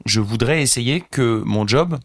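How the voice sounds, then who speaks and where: A man's voice: medium pitch, unhurried, no room sound, studio quality. A man in his thirties from northern France, a company founder telling his story earnestly and thoughtfully as a podcast guest. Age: 30s. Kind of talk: casual interview chat.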